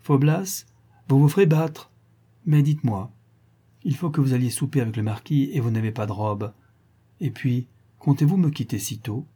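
A man's voice: mid-range voice, moderate pace, mellow, slightly rough, close to an everyday voice. A man reading an audiobook and voicing a playful, coquettish aristocratic lady who teases her young lover. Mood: scolding. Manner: playful, coquettish, lightly mocking. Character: teasing amorous aristocratic lady, older lover.

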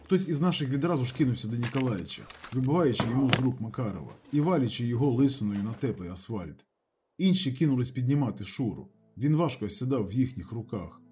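A man narrating a literary audiobook in a lively, expressive reading. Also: medium pitch, fast talker, slight background noise.

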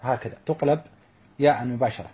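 A man's voice: medium pitch, brisk, breathy edge, highs cut off. A man teaching a grammar lesson, explaining step by step and drawing out the example words.

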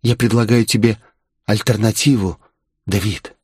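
A man's voice: fairly low pitch, steady tone, normal speed, a little mellow, husky, no room sound, clean studio sound. A man reading an audiobook voices a temperamental young woman who pleads and scolds. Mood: indignant. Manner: pleading, then indignant.

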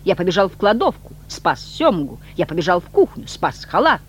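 A reader doing a shrill, boastful cat-demon. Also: sing-song, normal speed, slight background noise, lightly acted. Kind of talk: audiobook reading.

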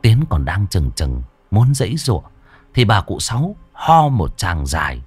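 Dramatic male storyteller with a lively low voice. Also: measured pace. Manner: dramatic, colloquial, earthy. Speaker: audiobook narrator. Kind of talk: storytelling narration.

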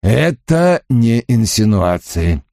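An imperious detective, dry and commanding, unhurried and slightly gravelly, as a male narrator reads him. Close and dry, with a lively rise and fall. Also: mid-range voice, no room sound, exaggerated voice.

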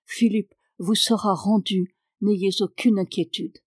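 A woman reading the part of a calm, authoritative man who speaks softly and with pity, in an audiobook. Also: medium pitch, slightly rough, dry recording, clean studio sound. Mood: gentle. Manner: soft, measured, compassionate.

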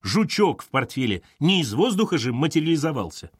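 A gruff, blunt middle-aged man who coaxes and needles, as a male narrator puts him on. His delivery swings with lively pitch, recorded close and dry. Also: a little fast, dry recording. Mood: pleading. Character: blunt older male colleague, gruff and pushy.

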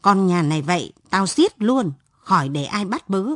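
A harsh aging father in a spoken story, read by a woman, barking out gruff threats. The voice is husky and dry, with a lively rise and fall. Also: fairly low pitch, normal speed, dry recording. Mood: threatening. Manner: gruff, scolding.

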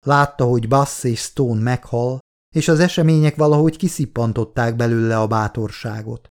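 A man reading an action novel aloud in a steady, measured storytelling voice. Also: medium pitch. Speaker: audiobook narrator. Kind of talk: scripted narration.

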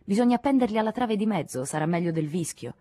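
A woman's voice: mid-range voice, animated, fast talker, dark tone, no room sound, voice pushed up, natural voice. Woman reading as a fervent middle-aged political thinker. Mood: eager. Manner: insistent, persuasive.

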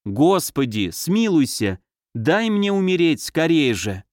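A man's voice: fairly high pitch, very animated, slow, no echo, clean studio sound. A man reading the part of an anguished young noblewoman, pleading in breathless outbursts. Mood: despairing. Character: anguished young noblewoman, a marquise, tormented and feverish.

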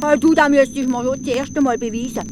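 A woman's voice: high voice, steady tone, fast talker, background noise, voice pushed up, close to an everyday voice. A woman with a Swiss German accent voicing a clever young peasant boy, bold and cheeky in manner.

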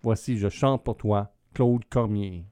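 A man hosting a radio show, presenting an album in an unhurried way with many filler pauses. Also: on the low side. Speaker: radio host.

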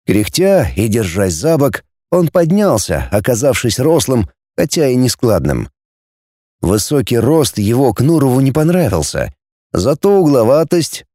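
A man reading an audiobook in a measured, expressive way. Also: medium pitch, no room sound, clean studio sound. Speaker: audiobook narrator.

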